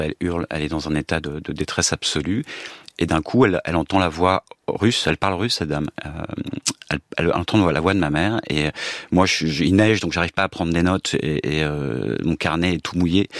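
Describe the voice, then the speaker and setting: Man, very deep voice, halting speech full of repeats and fillers, dry close studio mic. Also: no echo. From France. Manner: halting, many repetitions and fillers. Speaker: guest, war reporter. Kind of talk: radio interview, personal account. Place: radio studio. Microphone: studio microphone.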